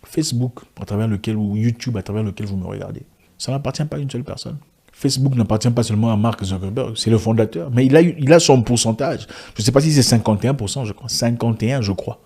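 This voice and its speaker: Speaking quickly in a medium-pitched voice that is creaky, a little mellow and breathy, this man gives a heated monologue to camera as an online video commentator. He often restarts and poses rhetorical questions. His first language is not French but an African language.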